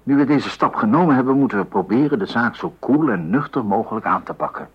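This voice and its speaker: A husky, urgent young father. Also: mid-range voice, fast talker, highs cut off. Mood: calming. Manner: urgent, forced calm. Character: anxious father trying to keep calm. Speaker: husband and father. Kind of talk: radio drama acting.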